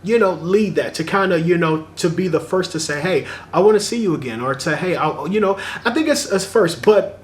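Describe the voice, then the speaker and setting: High, animated young man giving dating advice. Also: a little fast, hardly any pauses, slight background noise. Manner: animated, chatty, laughs while talking. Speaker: dating vlogger. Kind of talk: casual advice vlog.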